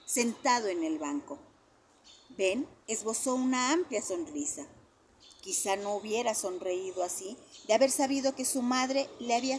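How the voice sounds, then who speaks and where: A woman's voice: medium pitch, a little hiss or hum. A woman reading a novel aloud expressively and sometimes speaking directly to her listeners. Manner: animated, addresses listeners. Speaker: storyteller.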